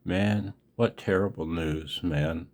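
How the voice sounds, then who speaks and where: A man in his sixties from the United States, rambling emotionally in a casual video message, halting with many ums, recorded on a phone held in his hand. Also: deep voice, darkish tone. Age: 60s. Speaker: amateur radio vlogger.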